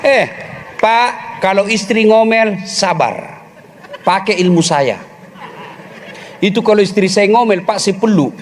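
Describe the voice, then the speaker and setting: Male preacher, high-pitched and playful, live sermon with faint noise. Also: takes it slowly, pauses often. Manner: animated, teasing, acts out little voices of husbands and wives. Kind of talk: humorous Islamic sermon.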